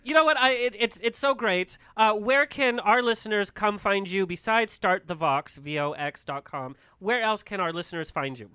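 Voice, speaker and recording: Bubbly high-voiced man, bright and crisp. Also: moderate pace, few pauses, no echo, clean studio sound. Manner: bubbly and effusive. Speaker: podcast co-host. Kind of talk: casual podcast chat.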